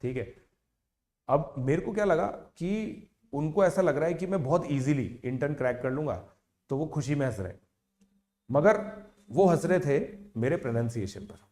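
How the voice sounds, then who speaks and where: A man in his thirties, an educator, tells a motivational story to online students in a casual, animated way. He mixes English words into his Hindi and checks in with listeners again and again. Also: on the high side, moderate pace. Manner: chatty, animated, with frequent "theek hai" check-ins.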